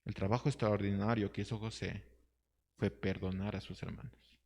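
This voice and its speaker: A man's voice: fairly low pitch, steady tone, normal speed, vocal fry, a little mellow. A man teaching a Bible study class, reading scripture aloud and asking his listeners questions. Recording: hall reverb.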